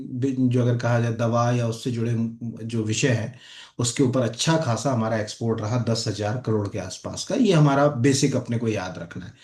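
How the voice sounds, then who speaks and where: A man's voice: a little high, a little mellow, echoey room. A man teaching an exam-prep lesson over on-screen slides, in a loose conversational way, often checking in with "okay?" and "right?". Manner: conversational, repeats fillers like "ठीक है" and "है ना". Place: academy classroom or studio.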